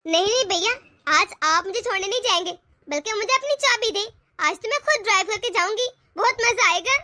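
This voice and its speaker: A spoiled young college girl wheedles and pleads to get what she wants, voiced by a woman. The voice is very high and bright. It is a homemade family drama with a dry, close sound. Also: expressive, a little fast, no echo, full character voice. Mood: wheedling.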